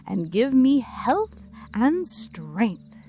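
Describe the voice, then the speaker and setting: Cheerful little storybook tailor, acted by a woman, self-satisfied, expressive, high lilting speech, music behind. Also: slow pace, heavily acted. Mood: contented. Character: cheerful little male tailor in a fairy tale.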